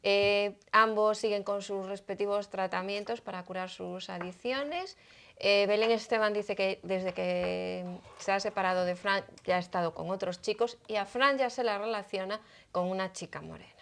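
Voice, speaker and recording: A woman's voice: mid-range voice, fairly even intonation, normal speed, vocal fry, a bit bright. A woman hosting a casual panel chat, leading topics and reading names from her notes. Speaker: host.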